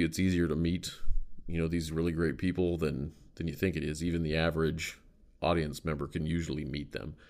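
A man with an extremely low voice and a gravelly fry chats casually as a podcast host. He rambles, swears freely and leans on fillers. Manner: rambling, profane, with frequent fillers. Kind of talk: casual solo chat.

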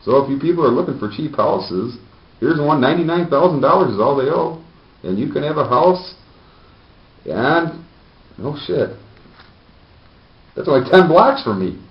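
A man's voice: on the high side, animated, normal speed, long pauses. A man in his thirties giving sardonic, casual comic commentary as he reads aloud. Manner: wisecracking, sardonic. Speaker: host of a homemade comedic news show. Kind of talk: casual comic commentary while reading a newspaper. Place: small plain room indoors. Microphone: distant camera microphone. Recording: echoey, muffled, distant camera microphone.

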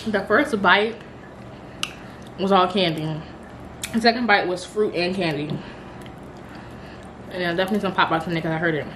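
A young woman with a lowish voice talks while chewing, chatty and candid, reviewing something on camera. A faint hiss of noise sits under the recording. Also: a bit bright, low-quality recording. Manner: chatty, candid, drawn-out slang. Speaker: vlogger. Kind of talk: casual candy review.

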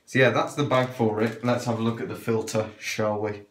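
A man's voice: lowish voice, fairly even intonation, moderate pace, background noise. A man talking through a cloth mask, giving a casual, chatty unboxing review with many fillers. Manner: chatty, hesitant, trails off with fillers. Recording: echoey room.

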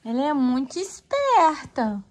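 Brazilian lady vlogging at home in the toy corner, high voice, slow and playful with a little kid. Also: sing-song, a little mellow. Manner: coaxing, playful, talks to viewers as "pessoal". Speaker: family vlogger host. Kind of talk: casual home vlog with a toddler.

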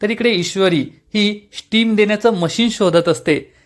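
A man narrating a retelling of a TV episode, reading the dialogue in a steady storytelling manner without putting on voices. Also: high voice, moderate pace. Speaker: serial review narrator.

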